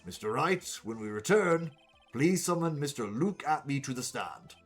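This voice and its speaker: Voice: mid-range voice, expressive, slightly rough, faint music behind. A streamer voicing a stern, formal elderly male judge in a game read-through. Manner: formal, measured pronouncements.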